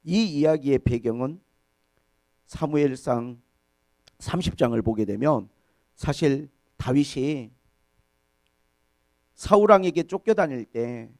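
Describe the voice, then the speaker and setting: A man's voice: a little high, darkish tone, no room sound. A male pastor delivering a sermon in a church, his voice rising sharply on points of emphasis.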